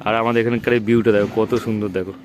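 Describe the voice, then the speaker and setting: A man's voice: fairly low pitch, flat delivery, rapid-fire, darkish tone, lo-fi sound. A man narrating a casual family vlog to his viewers, chatty and friendly with the children around him, filmed on a phone at home. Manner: chatty, addresses viewers as guys, coos at children. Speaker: vlogger. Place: outdoors on a rooftop and around a home. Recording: noisy home phone recording.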